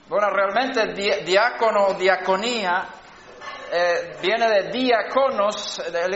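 A man with a high, fairly bright voice preaches a sermon, teaching the origins of words, restarting often, and building to fervent exhortation. The recording is roomy, dull, and lo-fi.

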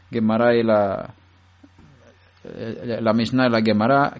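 A man of middle pitch gives a religious lesson to a group in a patient, explanatory way. He often pauses and restarts his sentences. The recording sounds a little dull. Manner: explanatory, with frequent restarts and hesitations. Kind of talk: religious teaching talk.

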